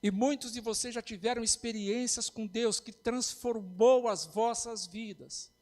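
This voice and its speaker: A man's voice: very high-pitched, unhurried, darkish tone, long reverb tail. A man with a Brazilian Portuguese accent preaching an impassioned sermon as pastor.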